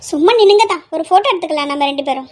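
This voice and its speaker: A woman's voice: very high voice, racing. A woman voicing a cheeky young village woman who keeps pestering and teasing, in an amateur audio drama. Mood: coaxing. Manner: pestering, bossy and playful.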